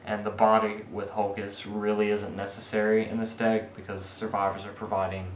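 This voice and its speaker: A man with a fairly low voice talks through his card game deck in a casual, halting way, pausing on fillers as he explains each choice. The room around him is echoey, with a faint hiss underneath. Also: completely flat delivery. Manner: halting, many fillers and restarts while explaining. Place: indoor room with friends nearby.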